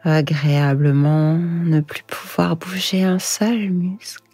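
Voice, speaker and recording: A woman leads a sleep hypnosis in a very slow, breathy half-whisper, right in your ear. Her hushed, soothing voice is creaky and carries an echo over music. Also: fairly low pitch, fairly even intonation. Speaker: hypnosis guide.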